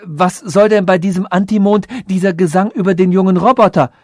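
A man voicing an anxious, excitable fairy-tale king in a storybook, speaking in a fretful, hurried manner. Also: high voice, no echo, clean studio sound, voice pushed up, natural voice.

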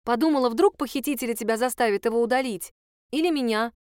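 A woman's voice: on the high side, quick pace, darkish tone, smooth, no echo, clean studio sound, close to an everyday voice. A woman reading the lines of an anxious young woman who speaks earnestly and insistently.

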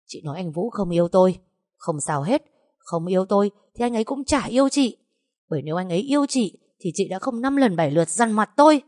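A woman's voice: medium pitch, lively intonation, brisk, a little mellow, no room sound, studio quality, lightly acted. A woman voicing a furious, grieving young wife. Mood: cold defiance. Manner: indignant, accusing.

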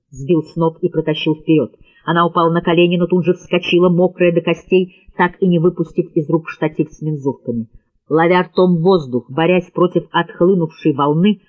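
A man's voice: on the high side, phone-quality sound. A man narrating an audiobook in a tense, dramatic reading style. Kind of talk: scripted narration.

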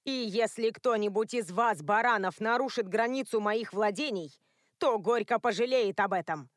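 A woman voicing a fierce old landowner who speaks slowly in a quavering voice and growls threats when roused. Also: mid-range voice, dry recording, clean studio sound, close to an everyday voice. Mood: growling. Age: older. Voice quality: quavering voice, slow and drawn out.

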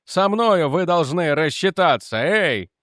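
A man reading an audiobook, voicing a hot-headed young man who talks in a confrontational, shouting way. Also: fairly high pitch, lively intonation, slow, no echo, studio quality, pitched above the performer's own voice. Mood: angry.

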